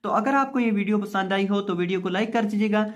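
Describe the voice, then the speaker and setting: A man with a Pakistani Urdu accent teaching Quran reading, spelling out letters and drawing out each syllable in a slow recitation lesson. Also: sits high, highs cut off.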